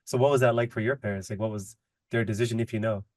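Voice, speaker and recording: A man's voice: fairly low pitch, steady tone, fast talker, dry recording. Easygoing male podcast host, dry sound. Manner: easygoing, says "like" and "kind of" a lot. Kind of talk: casual interview talk.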